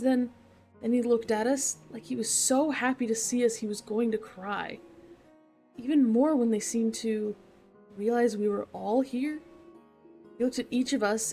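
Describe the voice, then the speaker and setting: A woman voicing a friendly young man in a story game, halting and searching for words as he explains something strange. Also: fairly high pitch, dark tone, faint music behind, close to an everyday voice. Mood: uneasy.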